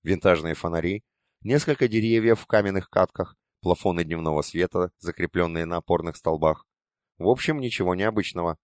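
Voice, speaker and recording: A man reading a fantasy novel aloud in first person, with measured, even storytelling on a close studio mic. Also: low-pitched, dry recording. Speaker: audiobook narrator. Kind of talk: first-person audiobook narration.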